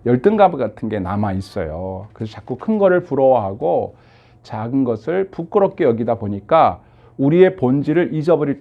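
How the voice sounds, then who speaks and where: Lively, animated male pastor preaching. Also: mid-range voice. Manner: lively storytelling with rhetorical questions and fillers. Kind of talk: sermon. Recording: dull lo-fi sermon audio.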